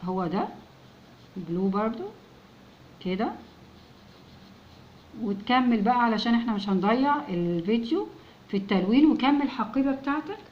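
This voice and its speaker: A woman with an Egyptian Arabic accent teaching a children's English lesson, patiently repeating words slowly so the children can echo them. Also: a little high, lively intonation, dull audio, a little hiss or hum.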